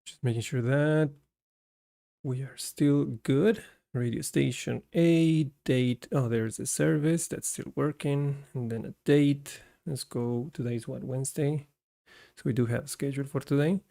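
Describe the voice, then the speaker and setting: A Costa Rican man hosts a live coding stream, talking through the code as he works and chatting with his viewers. His voice is medium-pitched and dark, a bit slow, with vocal fry.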